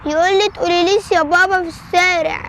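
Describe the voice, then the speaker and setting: A woman's voice: very high-pitched, steady tone, rapid-fire, fairly bright tone, slight background noise. A woman with an Egyptian Arabic accent voicing a sulky, childlike daughter who pleads in simple words.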